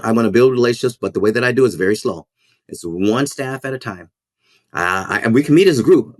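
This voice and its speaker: A man of medium pitch, who serves as both a minister and a school principal, talks in a podcast interview recorded at studio quality with no echo. His speech is halting and reflective, earnest, with words repeated as he thinks.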